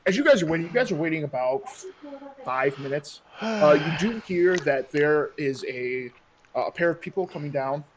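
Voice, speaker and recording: A man's voice: on the high side, expressive, normal speed, noisy background. A young man narrating as game master of a tabletop game in a loose, rambling way full of fillers.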